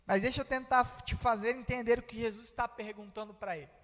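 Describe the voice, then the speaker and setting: A man's voice: very high-pitched, steady tone, fast, a bit bright. A Brazilian man preaching a sermon in a church, explaining a text and acting out its dialogue, with a Brazilian Portuguese accent. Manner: explanatory, acts out quoted dialogue. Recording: reverberant church hall.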